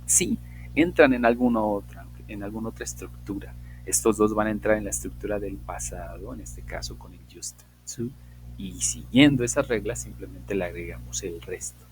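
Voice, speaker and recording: A man teaching an English class online, patiently explaining and drawing out slow example questions. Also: fairly low pitch, soft background music, low-quality recording.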